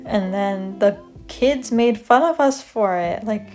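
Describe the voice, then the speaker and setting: A soft-spoken young woman from Canada, casually telling stories about her school years in a rambling, self-deprecating way while she draws, with light music playing behind her. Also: mid-range voice, slow. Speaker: vlogger. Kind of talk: casual storytelling over drawing.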